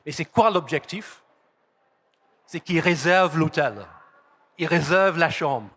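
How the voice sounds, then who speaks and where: A man with an English accent and a somewhat raised pitch gives a lively conference talk. He is from London, and the language is not his first. He drives home key phrases by repeating them. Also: takes it slowly, breathy edge. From London, England. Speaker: conference speaker. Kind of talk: conference presentation. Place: conference hall.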